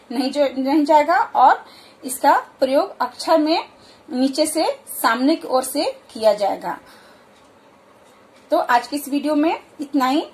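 A woman teaching a children's alphabet lesson, patiently repeating each word slowly for practice. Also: sits high. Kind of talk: explaining a Hindi alphabet lesson.

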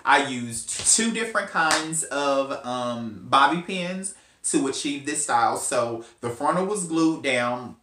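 A man's voice: medium pitch, expressive, slow, hardly any pauses, sharp tone. A man, chatting casually as a hair stylist vlogger, rambling with playful asides. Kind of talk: casual hair tutorial chat. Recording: roomy with faint hum.

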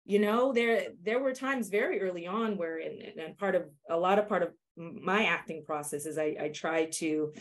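A woman who is an actor speaks on a video call panel from an indoor room, reflective and searching for her words in a casual discussion. Her voice is on the low side, at normal speed with hardly any pauses, picked up by a computer microphone.

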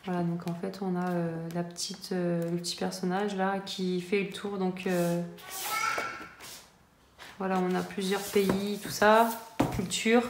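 A woman's voice: fairly low pitch, level tone, unhurried. Chatty woman vlogger in an echoey room. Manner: chatty, hesitant, many fillers and restarts. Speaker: coloring-book vlogger. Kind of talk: casual chat showing her book collection. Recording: echoey room with faint noise.

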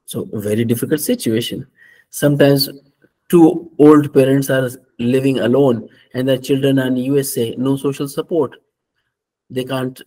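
A man's voice: mid-range voice, dark tone, rough recording. Man explaining an exam course. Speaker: medical exam course instructor. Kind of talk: orientation lecture.

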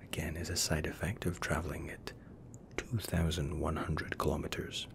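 A man's voice: a bass voice, flat delivery, moderate pace, creaky. A man in his thirties in a whispered role-play as an attentive, reassuring first-class flight attendant with formal, soothing service patter.

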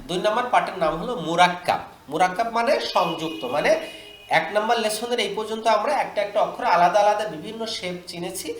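A man teaching how to read the Quran primer, who spells out the letters slowly and loudly and then explains them quickly to other teachers. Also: high-pitched, reverberant.

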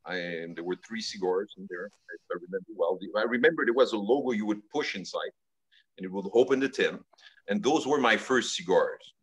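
A middle-aged man from Belgium, a guest telling stories in a relaxed way over a video call from his home study. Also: lowish voice, fairly quick, slightly rough, poor audio. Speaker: guest, cigar company executive.

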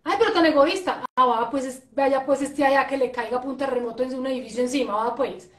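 A woman who hosts a conversational interview and talks in an animated, expressive way, often repeating phrases for emphasis. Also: sits high, brisk. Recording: echoey room.

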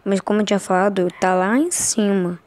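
A woman's voice: mid-range voice, fairly quick, darkish tone, no room sound. Casting: Brazilian woman as a scared horror game streamer, mid-range voice, casual and anxious. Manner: scared, anxious, repeating short phrases. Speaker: gaming streamer.

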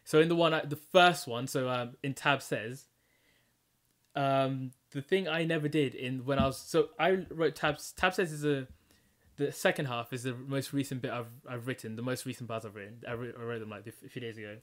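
A man's voice: moderate pace, fairly bright tone. Laid-back man explaining his rap songs. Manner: low-key, reflective explaining with frequent restarts. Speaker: podcast host presenting his own rap songs. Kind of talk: casual podcast chat.

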